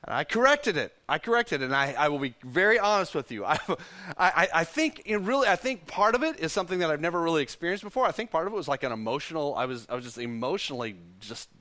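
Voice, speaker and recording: A middle-aged pastor from Texas with a Texan accent, telling a story in a conversational sermon with self-deprecating humor. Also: male voice, a little high, expressive, fast, pushed and bright.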